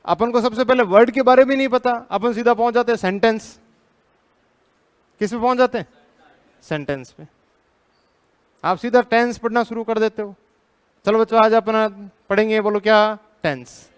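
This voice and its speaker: A man's voice: high voice, steady tone, normal speed, long pauses, clean tone. An Indian man teaching a live class, drilling students with repeated questions, firm and teasing.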